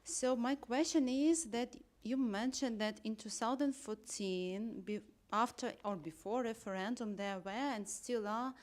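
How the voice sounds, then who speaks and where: A woman's voice: mid-range voice, darkish tone. A young woman from Ukraine, asking a question at a talk in an earnest, careful way. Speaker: audience member asking a question.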